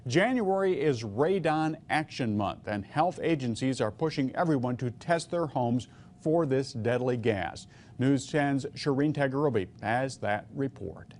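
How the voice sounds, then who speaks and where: A man's voice: medium pitch, expressive, unhurried, a little mellow, a little hiss or hum. A man anchoring a television newscast, reading a scripted introduction to a report. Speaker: news anchor. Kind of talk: scripted TV news read.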